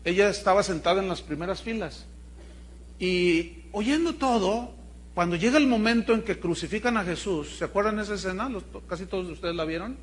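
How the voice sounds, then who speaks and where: A man's voice: sits high, brisk. A man from Cuba preaching a sermon as pastor, telling stories with ironic asides.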